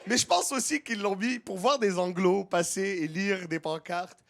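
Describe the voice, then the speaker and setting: A man doing a stand-up comedy routine on stage, animated and slipping into playful put-on voices. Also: high voice, normal speed, creaky. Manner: animated, slips into many put-on accents. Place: comedy stage before a live audience.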